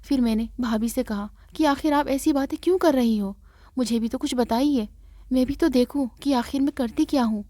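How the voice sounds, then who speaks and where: A woman's voice: high-pitched, dark tone, no echo, studio quality. A woman narrating a story in the first person in an earnest, plaintive way.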